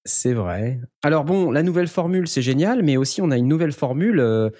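A man's voice: fairly high pitch, sing-song, brisk, mellow. A man hosting a casual podcast chat, joking about himself between frequent hesitations. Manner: jokey, self-mocking, hesitant with many fillers. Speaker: podcast host.

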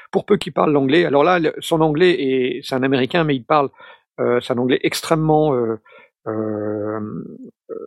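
A man's voice: mid-range voice, vocal fry, darkish tone, no echo. A man chatting casually on a podcast panel, hesitant, with many fillers and restarts. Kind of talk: casual chat.

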